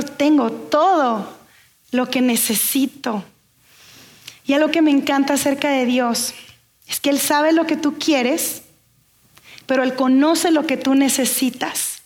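A young woman pastor, preaching a sermon in a conversational way and asking the congregation questions. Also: high-pitched.

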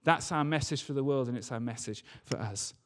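A medium-pitched man speaks fairly quickly as he preaches, earnestly and emphatically returning to key phrases. The sermon rings out in a large reverberant church or hall, carrying a long reverb.

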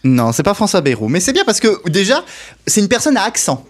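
A man's voice: high voice, huge pitch swings, a little fast, a crowd in the background. A man hosting a casual group show and running a guessing game, laughing and exclaiming often. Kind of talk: casual chat among friends, animated.

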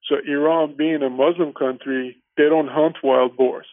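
Armenian guy calling in, flat higher voice, earnest, lots of "you know", tinny phone sound. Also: unhurried, dry recording. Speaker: guest. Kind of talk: casual interview.

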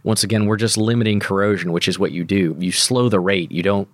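A man's voice: lowish voice, brisk, no echo. A man co-hosting a podcast, explaining technical matters in a casual, colloquial way. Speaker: podcast co-host.

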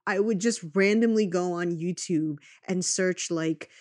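A woman hosting a podcast in casual chat, telling stories in an animated way, quoting herself and swearing freely. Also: lowish voice, measured pace, no echo, studio quality. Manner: animated storytelling with self-quotes, swearing. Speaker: podcast host.

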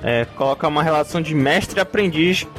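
A man's voice: on the high side, animated, fairly quick, a bit bright. A man with a Brazilian Portuguese accent co-hosting a podcast in casual, enthusiastic, slangy fan chat. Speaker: podcast co-host. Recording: music behind the voice. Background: music.

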